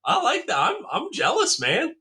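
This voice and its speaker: A young man hosting a sports podcast, upbeat, chatty, and quick to react with enthusiasm. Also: very high-pitched, huge pitch swings, sharp tone. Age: young adult. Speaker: podcast host. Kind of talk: casual chat.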